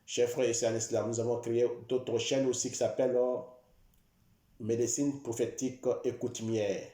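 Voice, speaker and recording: A man's voice: mid-range voice, flat delivery, moderate pace, mellow. A man giving a sermon, preaching in a repetitive, emphatic way. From West Africa. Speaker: Islamic preacher. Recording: roomy echo.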